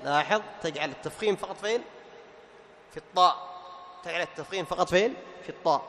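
A high-pitched man leads a tajweed lesson as the teacher. He poses quick questions and answers them himself, then slows down to recite each example carefully. His voice rings out with long reverb from a hall. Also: bright, forceful tone, slight background noise.

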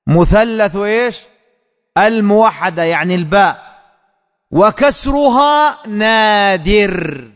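Male religious teacher, high voice, deliberate drawn-out delivery, long reverb of a large hall. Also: a bit bright. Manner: slow, repeats key words as questions to students. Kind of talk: hadith lesson explanation.

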